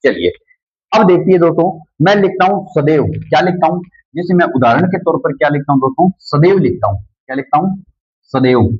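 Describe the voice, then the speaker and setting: Husky teacher quizzing his students. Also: fairly high pitch, animated, a little fast, no echo. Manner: repeats key words as questions to students; calls students "friends" often. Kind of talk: grammar lesson at a board. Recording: dull lo-fi sound.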